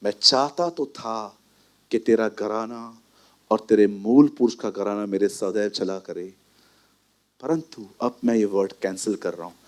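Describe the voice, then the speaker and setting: A man voicing God as a solemn male figure pronouncing judgment, slow and grave. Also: lowish voice, pitched below the performer's own voice, natural voice.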